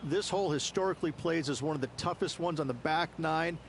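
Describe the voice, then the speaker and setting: A man's voice: a little high, a little fast, a little hiss or hum, natural voice. A man playing an explanatory golf analyst, narrating scripted previews of each hole for a video game. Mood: explanatory, measured. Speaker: golf course guide and analyst.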